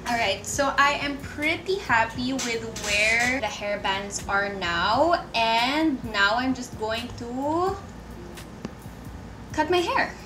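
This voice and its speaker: Young woman vlogger from the Philippines, higher voice, self-mocking, in an echoey home room with the mic a bit far off. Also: expressive, takes it slowly, music in the background. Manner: self-mocking, talks to the camera, swears, laughs often. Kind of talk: casual home vlog.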